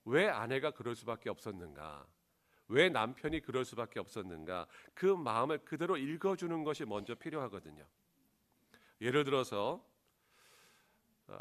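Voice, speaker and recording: A man's voice: mid-range voice, big pitch swings, normal speed, a bit bright. A man preaching a sermon as a pastor, engaging the congregation with questions.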